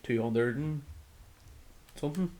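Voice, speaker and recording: A man's voice: medium pitch, measured pace, dark tone. A young man, co-hosting a casual chat in an easygoing way. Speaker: podcast co-host.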